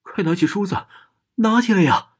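A man voicing a vengeful female ghost in a mirror, coaxing softly and shrieking orders. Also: a bass voice, a little fast. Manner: coaxing, then shrieking commands.

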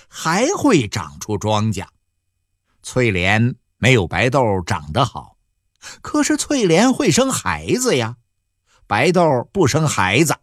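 A man narrating a novel in a folksy storytelling manner with drawn-out fillers. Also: medium pitch, dry recording, clean studio sound. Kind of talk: audiobook storytelling.

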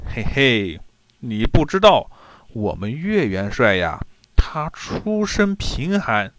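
Brief: a man doing a loud, jovial drunk general in an audio storybook; lively, swooping delivery, slow and drawn out. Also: mid-range voice, no echo. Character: boisterous hard-drinking male general.

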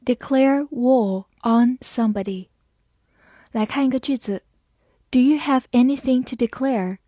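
A woman teaching English words in a scripted lesson, spelling each word letter by letter and reading example sentences slowly and clearly. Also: high-pitched, dark tone, no echo, clean studio sound.

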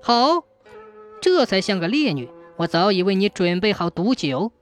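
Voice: medium pitch, sing-song, normal speed, soft background music, natural voice. A storyteller voicing a stern, clever old county magistrate who mocks and commands. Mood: mocking. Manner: sharp, mocking, commanding.

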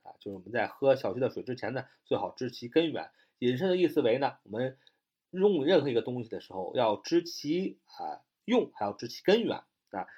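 A man teaching English vocabulary in a lesson. He spells words out letter by letter, slows down for the English examples and fills his talk with a drawn-out "ah". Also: medium pitch, very animated, husky, lo-fi sound. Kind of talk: explanatory lesson.

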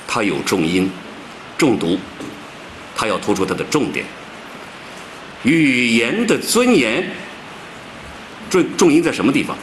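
A man from China delivers a public lecture emphatically, stressing words with big pitch rises and drops. His voice is a bit bright, and the rough recording has slight background noise.

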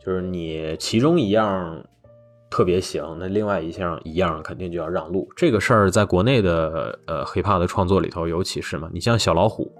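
A man with a very low voice talks at an easy, rambling pace on a chat podcast. He keeps stopping to fill gaps and restart his sentences. Faint music plays behind him. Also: moderate pace. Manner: rambling, relaxed, many fillers. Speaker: podcast host. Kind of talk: casual chat about hip-hop.

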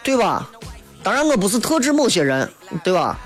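High-voiced Shaanxi-accented man hosting a talk show. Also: very animated, moderate pace, soft background music. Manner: opinionated, rhetorical questions and tag questions. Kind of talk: colloquial monologue commentary.

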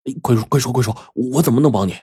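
A man's voice: fairly low pitch, animated, dark tone, husky, no echo, studio quality. A man doing an eager, loyal young opera player. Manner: eager, quick.

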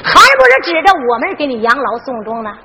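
A woman's voice: high voice, very animated, sharp tone, breathy edge, big-room sound, voice pushed down, full character voice. A woman doing a blustering, foolish young son. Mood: threatening. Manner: coaxing then threatening, drawn-out. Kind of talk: Henan zhuizi ballad-story performance.

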